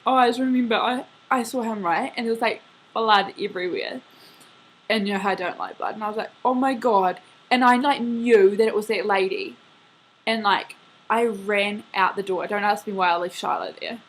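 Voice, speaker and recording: A woman's voice: medium pitch, brisk, slight background noise, poor audio. A young woman in a casual video message, rambling through a dream story with lots of "like" and fillers. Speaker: vlogger.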